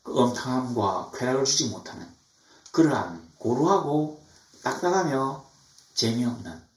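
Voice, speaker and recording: Lively middle-aged male pastor preaching. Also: mid-range voice. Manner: animated preaching, mimics mocking tones. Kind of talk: sermon. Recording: echoey church from far off.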